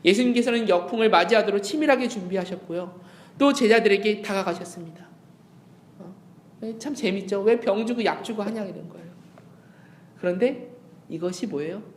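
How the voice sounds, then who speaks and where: A man preaching a Sunday sermon as pastor, earnest, dropping to a hush when he quotes Jesus. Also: sits high, normal speed, reverberant. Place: church sanctuary.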